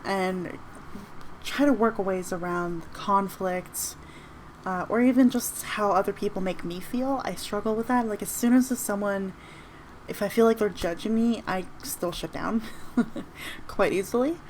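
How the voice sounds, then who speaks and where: A woman's voice: medium pitch, measured pace, slight background noise. A woman hosting a reflective solo podcast from home, talking earnestly and rambling with restarts. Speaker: podcast host and teacher. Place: home room with open window downtown.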